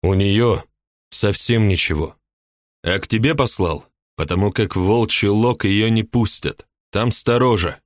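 A soldier captain speaks calmly and patiently, trying to smooth things over, as a man reading an audiobook voices him. The delivery stays level in a close, dry recording. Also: fairly low pitch, unhurried, no echo, natural voice. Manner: calm, placating.

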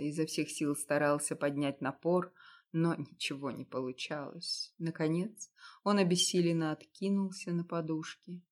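A woman narrating a novel in the first person, in steady, measured storytelling. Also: deep voice. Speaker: audiobook narrator.

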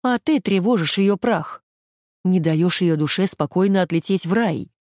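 A woman voicing an emotional, sharp-tongued young woman who speaks in an agitated, reproachful way. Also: fairly low pitch, moderate pace, slight background noise, pitched above the performer's own voice, lightly acted.

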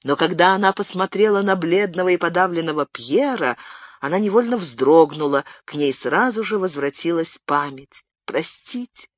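A man narrating an audiobook in a measured, expressive reading. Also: fairly high pitch, dry recording, clean studio sound. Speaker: audiobook reader. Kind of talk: scripted narration.

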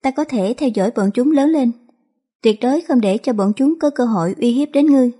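A woman's voice: high voice, brisk, mellow, breathy edge. A woman voicing a troubled young man who earnestly pleads to spare his younger siblings.

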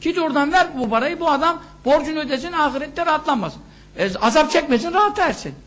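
High-voiced man preaching a sermon. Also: fast. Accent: Turkish. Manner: recites Arabic passages then explains them in Turkish; rhetorical questions, animated storytelling.

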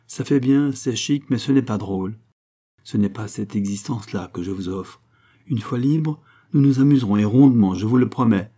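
A man's voice: on the low side, normal speed, mellow, slightly rough. A man reading the part of a nervous young male count, an earnest suitor who pleads eagerly and lifts his voice as he talks.

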